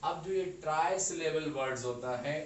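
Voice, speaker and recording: A man's voice: fairly high pitch, normal speed, a little hiss or hum. A man teaching English grammar, spelling words out letter by letter and checking that students follow. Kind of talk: classroom grammar lecture. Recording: echoey room, far from mic, faint ambience.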